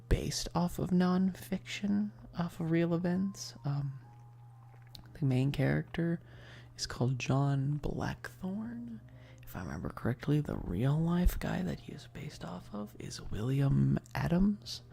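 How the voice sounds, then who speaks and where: A gentle ASMR livestreamer talks casually in a medium-pitched, breathy voice that keeps dropping to a whisper. She wanders from thought to thought, hesitant and quick to put herself down.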